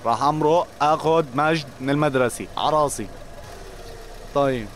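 A man's voice: on the high side, moderate pace, close to an everyday voice. A man playing a chatty, exasperated married taxi driver with a Levantine Arabic accent, telling comic stories in colloquial speech. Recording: music and engine noise behind.

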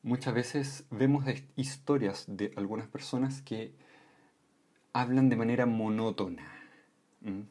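A man explaining voice and communication in a calm lesson, often checking in with short "¿m?" and "¿ya?" tags. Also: medium pitch, a little slow. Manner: calm, with frequent "¿m?" and "¿ya?" check-ins. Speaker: voice and communication instructor.

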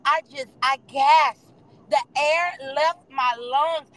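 A woman's voice: sits high, fairly even intonation, slow, fairly bright tone, poor audio. A young adult woman, a guest on a chat show, telling a story with dramatic flair and calling her listeners y'all.

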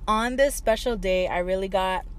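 Young female podcast host, Toronto slang accent, medium pitch, sassy and emphatic casual talk. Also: moderate pace. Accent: Toronto, with local slang. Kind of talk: casual chat.

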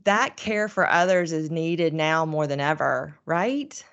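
A woman's voice: low voice, animated, slow pace, a bit bright, smooth, dull audio. A woman hosting an interview, affirming her guest with frequent encouraging murmurs. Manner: affirming, many encouraging backchannels. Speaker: host. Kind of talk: conversational interview.

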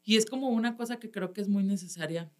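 A woman stand-up comic with a Mexican accent tells stories in a casual chat. She talks fast in a medium-pitched voice, animated, laughing often and using plenty of slang.

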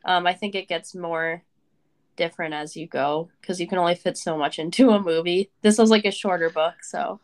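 A woman's voice: on the low side, fairly even intonation, moderate pace, darkish tone. Chatty woman podcast co-host, post-covid voice. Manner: rambling, many fillers and restarts. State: recovering from covid, voice may crack. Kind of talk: casual chat.

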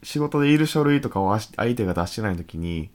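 A man in his thirties with a strong Kansai accent, co-hosting a podcast, reading a listener letter and chatting in a calm, matter-of-fact way. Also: lowish voice, quick pace. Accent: Kansai Japanese. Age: 30s. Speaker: podcast co-host.

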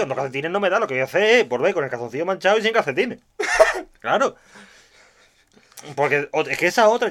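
In a relaxed chat, a man with a slightly high voice tells a rambling, funny anecdote as casual comic storytelling. He acts out every line of dialogue and often breaks into laughter.

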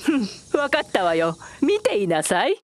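A woman's voice: medium pitch, very animated, normal speed, slight background noise. A woman playing a haughty, easily flustered long-necked female yokai with ladylike airs in a comedy audio drama. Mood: haughty, huffy.

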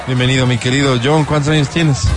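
A man hosting a radio talk show, teasing callers and loudly announcing prizes in joking banter. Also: medium pitch, little pitch movement, quick pace, over music. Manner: playful, teasing, loud announcing.

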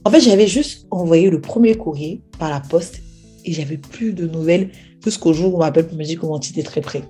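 A young woman tells a personal testimony, replaying each exchange in quoted dialogue. Her voice sits low and sounds mellow and warm. Soft music plays faintly beneath her. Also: brisk. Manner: animated retelling with acted-out quoted dialogue. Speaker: speaker sharing a personal testimony. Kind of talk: storytelling testimony.

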